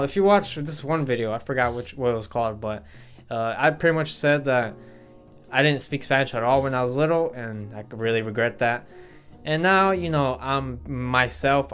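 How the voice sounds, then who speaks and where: A young man talks straight to camera in an indoor room, rambling through facts about himself with fillers and restarts. His pitch sits mid-range for a man. Soft guitar music plays faintly behind him. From Milwaukee, Wisconsin, USA. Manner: rambling, filler-heavy, self-correcting. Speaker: vlogger. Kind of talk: casual facts-about-me vlog. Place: indoor room with studio lights. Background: faint background guitar music.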